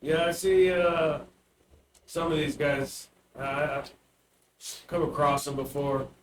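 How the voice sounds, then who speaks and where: A man playing a tabletop game, talking casually and half in character, in a hesitant, halting way. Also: fairly high pitch, level tone. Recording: echoey, distant mic with clear noise.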